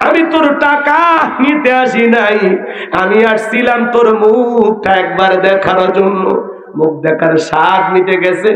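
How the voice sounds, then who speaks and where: A man delivers an emotional sermon, rising into sing-song, sobbing cries as he acts out the people in his tale. His high voice rings with long hall reverb, and the recording sounds muffled and lo-fi. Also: fairly bright tone. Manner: sing-song wailing preaching, acting out sobbing characters. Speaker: preacher. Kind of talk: Bengali waz sermon with dramatic storytelling. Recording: echoey hall reverb, dull lo-fi sound with faint music.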